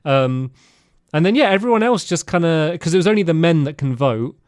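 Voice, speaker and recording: Guy rambling about a game he played, kinda high voice, dry close sound. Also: a little fast, no echo. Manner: rambling, animated storytelling with fillers. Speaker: podcast co-host. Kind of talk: casual game discussion.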